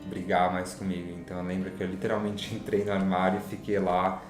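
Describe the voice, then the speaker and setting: Man in his 20s, low voice, echoey room, guitar music behind. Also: monotone, a little fast. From São Paulo, Brazil. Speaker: interviewee. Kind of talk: personal testimony.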